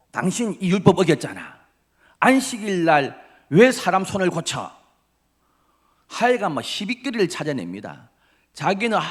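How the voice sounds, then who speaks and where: Animated preaching man, lively pitch. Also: breathy edge. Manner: animated, swings from loud emphasis to hushed whispers. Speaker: pastor. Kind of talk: sermon. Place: church sanctuary.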